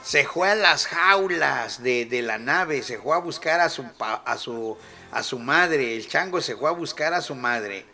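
A man's voice: medium pitch, lively intonation, unhurried, sharp tone, faint music behind. A man with a Mexican accent hosting a radio show, retelling a film in casual, profane, rambling talk and laughing often. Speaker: radio host.

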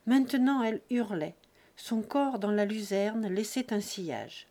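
A woman narrating a classic novel as an audiobook, in measured, expressive phrasing with short breath groups. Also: mid-range voice. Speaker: audiobook reader.

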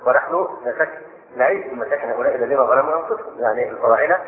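An older man giving a spoken lesson on scripture, explaining quickly and slowing to recite verses. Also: medium pitch, a little hiss or hum. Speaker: Islamic scholar giving Quran commentary. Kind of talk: spoken Quran commentary lesson. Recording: echoey room over a tinny phone-like line.

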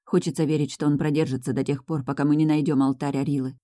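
An audiobook narrator reading a first-person fantasy romance in a calm, measured way on a close studio microphone. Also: medium pitch, no echo.

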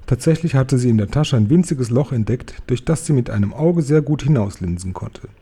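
A man reading a children's book aloud, steady and expressive. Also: mid-range voice, fairly quick, breathy edge. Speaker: audiobook narrator.

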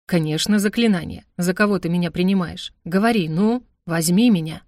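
A woman's voice: fairly low pitch, normal speed, darkish tone, no echo, studio quality, natural voice. A woman voicing a cool, phlegmatic male demon who gives serious, bossy orders in a storybook reading. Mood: deadpan.

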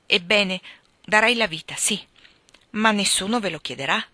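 A woman voicing an ardent, insistent young gentleman courting a lady, passionate and pleading. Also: medium pitch, normal speed, dry recording.

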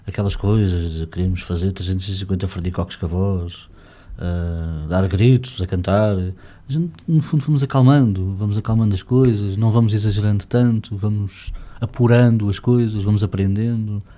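A man's voice: on the low side, moderate pace, mellow. A middle-aged man with a slightly grainy voice, chatting reflectively as an interview guest with many restarts. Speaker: fado singer, guest. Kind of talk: casual interview chat.

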